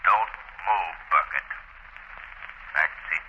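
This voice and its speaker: A man's voice: extremely low pitch, takes it slowly, slight background noise. An actor playing a menacing, mocking male vigilante in old-time radio drama, with a theatrical, commanding, hypnotic delivery. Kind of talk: 1930s-40s radio drama acting. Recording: dull vintage radio broadcast recording.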